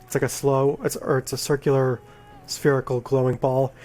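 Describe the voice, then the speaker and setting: A man's voice: mid-range voice, moderate pace. Groggy man talking through a game guide. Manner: relaxed, rambling, self-correcting explanations. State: groggy from being sick. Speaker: gaming video creator. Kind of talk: casual game guide talk.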